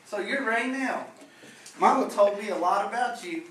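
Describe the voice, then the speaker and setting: A man acting as a reserved, dutiful young Marine son in a school play, giving quiet polite replies. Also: high-pitched, normal speed, echoey room, far from the mic, heavy background noise, close to an everyday voice.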